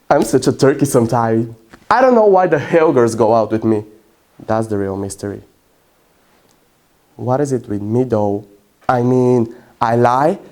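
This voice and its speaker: A young man whose first language is Bulgarian, playing a brash, self-mocking young womanizer in a competitive prose interpretation, with dramatic storytelling and sudden loud outbursts. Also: medium pitch, close to an everyday voice.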